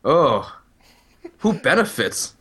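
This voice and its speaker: A man's voice: a little high, big pitch swings, slow, bright, forceful tone. Brash, profane young man ranting. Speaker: podcast co-host. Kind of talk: casual anime podcast chat.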